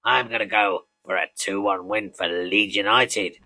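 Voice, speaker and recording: A synthetic male voice playing a talking dog that reads out football predictions in a flat, even way. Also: low voice, unhurried, exaggerated voice. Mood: matter-of-fact. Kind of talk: scripted predictions.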